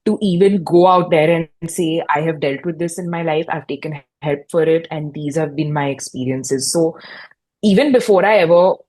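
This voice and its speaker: In a low, mellow voice at normal speed, a young woman from India recounts her own experiences during a fireside chat, frequently starting over. She is there as a guest and hosts a mental health podcast.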